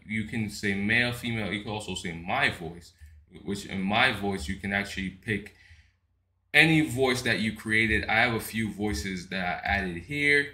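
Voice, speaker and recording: A man with a lowish, bright and forceful voice hosts a relaxed software walkthrough. He talks through each step in a chatty way, tags lines with "right?" and often restarts his sentences. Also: moderate pace. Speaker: tech tutorial host. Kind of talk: casual screen-recorded software walkthrough.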